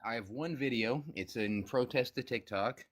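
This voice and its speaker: A man's voice: mid-range voice, normal speed, fairly bright tone. A man speaking as a guest in a casual live-stream debate, hesitant and often repeating his words as he goes.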